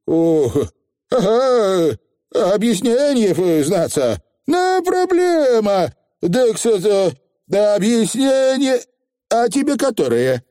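Little blustery fairy chief, real high squeaky voice, warm, chews up his words. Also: sing-song, takes it slowly, clear, resonant tone, full character voice. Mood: flustered. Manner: mangled folksy slang, blustering. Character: tiny rowdy male fairy clan chief, boastful.

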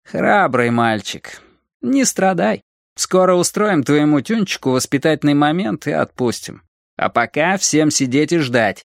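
A man playing a hard, calculating teenage gang leader who speaks in a measured, lecturing way. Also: a little high, expressive, gravelly, no echo, studio quality, pitched above the performer's own voice. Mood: patronizing.

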